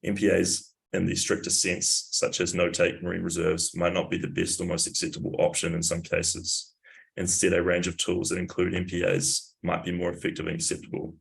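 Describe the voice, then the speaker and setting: A man reading out a prepared group presentation in a steady, scripted way. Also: sits low, fairly quick, vocal fry, husky. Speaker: student presenter. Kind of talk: read presentation.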